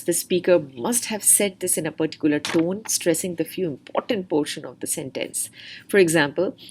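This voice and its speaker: A woman tutor giving a spoken lesson on exam speaking tips, explaining step by step and reading example sentences aloud with different words stressed. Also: on the low side.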